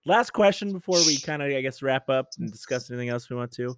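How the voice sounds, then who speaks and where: A relaxed man talks college football with a friend. His voice sits at an everyday middle pitch and is recorded close and dry. He trails off and restarts his sentences often. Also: fast talker, clear, resonant tone, dry recording. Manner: easygoing, hesitant restarts, laughs along. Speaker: sports podcast co-host. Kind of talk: casual sports chat.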